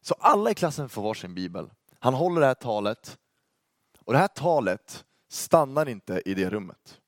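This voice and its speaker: A young man tells a story to a youth audience, lively and joking, often turning to the listeners with questions. His voice is mid-pitched, and the sound is dry and close with no room echo. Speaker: youth ministry speaker.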